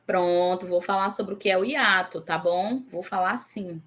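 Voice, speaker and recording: A woman with a fairly low, slightly bright voice runs an online Portuguese grammar class, reviewing exam answers and checking in with her students often. She says example words again slowly.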